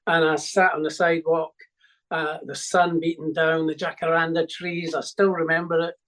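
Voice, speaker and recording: An older man from Scotland with a Scottish accent, a musician recalling his childhood in an interview with many pauses and restarts. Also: on the high side, little pitch movement, fairly bright tone, low-quality recording. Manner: hesitant, full of ums and restarts. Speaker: musician guest. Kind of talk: reminiscing interview.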